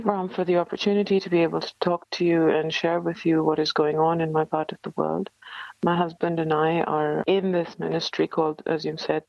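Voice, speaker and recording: A woman from South Asia, her voice electronically altered to disguise it, speaking as a ministry worker in a radio interview, telling her story in an earnest, measured way. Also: creaky, no echo, highs cut off. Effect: electronically altered, disguised lower voice.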